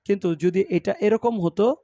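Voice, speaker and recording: A man's voice: high voice, moderate pace, mellow, no room sound, lo-fi sound. A man from Bangladesh teaching an English grammar class with a Bangladeshi accent, explaining in Bengali mixed with English and quizzing his students. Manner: explains in Bengali, mixing in English words and example sentences; asks the class questions and repeats answers.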